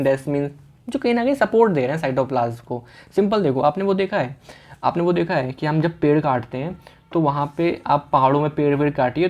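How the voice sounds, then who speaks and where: A man giving an online medical lecture in a casual, fast way, asking questions and answering them himself and repeating key words. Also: fairly high pitch, darkish tone, highs cut off. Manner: casual, fast-talking teacher.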